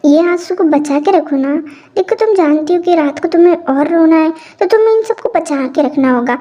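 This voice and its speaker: Woman doing a teasing young husband, high. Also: brisk, dark tone. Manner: teasing, coaxing. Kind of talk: amateur fan audio drama.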